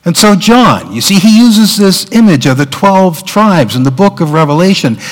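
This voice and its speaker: Pastor preaching in a reverberant church. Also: male voice, sits high, big pitch swings, normal speed. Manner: conversational, with filler words and restarts. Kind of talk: sermon.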